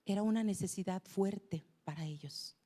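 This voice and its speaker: A woman's voice: medium pitch, normal speed, dark tone. A woman preaching a sermon to a congregation in a conversational way, often turning to them with questions. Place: church.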